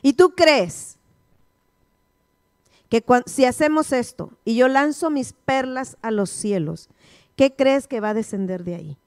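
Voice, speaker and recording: A woman's voice: on the high side, unhurried, pauses often, darkish tone, no room sound, studio quality. A woman pastor teaching a sermon, quizzing her listeners with repeated questions. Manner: call-and-response, repeated questions to the congregation.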